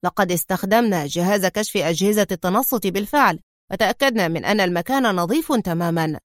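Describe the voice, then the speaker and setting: A woman reading the lines of an irritable, resentful male security guard in an audiobook, sharp and complaining. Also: medium pitch, quick pace, no room sound, studio quality, natural voice. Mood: grumbling.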